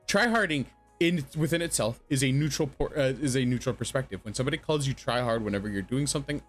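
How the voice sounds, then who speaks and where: A man doing casual livestream commentary in a blunt, profane, rambling way that stammers and repeats. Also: mid-range voice. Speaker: streamer reacting to a video.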